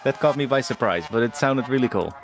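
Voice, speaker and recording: A man's voice: mid-range voice, lively intonation, quick pace, noisy background. A young man chatting casually on a livestream, rambling with frequent swearing and laughs as he gives feedback on music tracks. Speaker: music producer streamer giving feedback.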